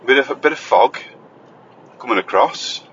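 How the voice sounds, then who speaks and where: Animated and slightly bright, this man's mid-range voice moves at normal speed as he jokes and banters while hosting his school-run recording from the car. He's a father chatting casually on the road, recorded with a phone voice recorder that sounds lo-fi with a little hiss or hum.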